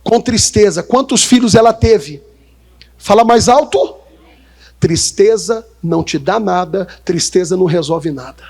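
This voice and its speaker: A male pastor with a Brazilian accent preaching a sermon in a church, questioning the congregation and acting out quoted voices. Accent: Brazilian Portuguese. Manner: call-and-response, questioning the congregation; acts out quoted voices with sharp pitch jumps.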